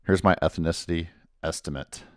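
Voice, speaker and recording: This genealogy vlogger is a man whose voice sits very low, and he talks casually as he explains. He keeps a steady tone and a moderate pace while methodically laying out the figures, step by step. The recording is close and dry, free of any room reverb.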